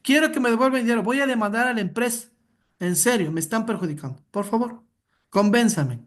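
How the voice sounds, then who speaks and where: A woman's voice: on the high side, lively intonation, a little fast, lightly acted. A woman playing an angry, demanding male home buyer in a role-play over a video call, insisting and complaining. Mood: indignant.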